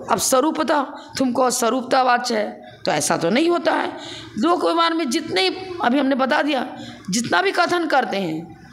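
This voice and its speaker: A woman's voice: sits high, a little hiss or hum. A woman teaching a scripture class. She explains each point step by step, poses rhetorical questions and chuckles as she recites.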